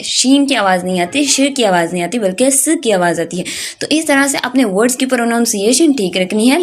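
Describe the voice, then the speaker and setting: A woman from Pakistan with a Pakistani accent, teaching English phrases in an online lesson. She addresses her students directly, repeats key words for emphasis and says each English phrase slowly and deliberately. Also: a little high.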